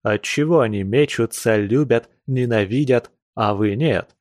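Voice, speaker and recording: A man's voice: mid-range voice, unhurried, darkish tone, dry recording, studio quality, close to an everyday voice. A man reading a classic novel aloud, voicing a passionate, earnest young nobleman with urgent, lecturing speech.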